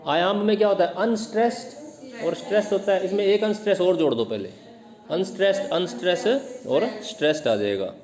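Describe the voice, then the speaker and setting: A man teaching literary terms, explaining patiently and repeating example words slowly to show where the stress falls. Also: high-pitched, expressive, a crowd in the background.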